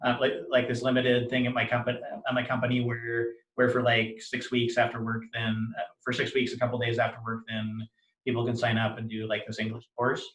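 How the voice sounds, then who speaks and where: Man with cluttered, halting speech, echoey room. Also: medium pitch, monotone, fairly bright tone. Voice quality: disfluent cluttered speech with many word and syllable repetitions. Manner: disjointed, halting, self-correcting delivery with frequent restarts. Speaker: interviewee sharing his experience of cluttering. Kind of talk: conversational personal account. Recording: roomy, echoey video recording.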